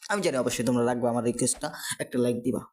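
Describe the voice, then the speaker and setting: A young man with a Bangladeshi Bengali accent, rambling casually through gameplay commentary and slipping in English phrases. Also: medium pitch. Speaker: gaming YouTuber.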